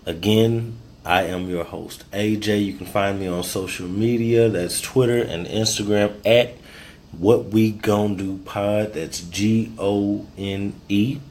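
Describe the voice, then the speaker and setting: Deep-voiced man hosting a loose podcast. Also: slow, slight background noise. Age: adult, married. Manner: loose, rambling, tipsy and relaxed. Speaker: podcast host. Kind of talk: casual freestyle podcast monologue.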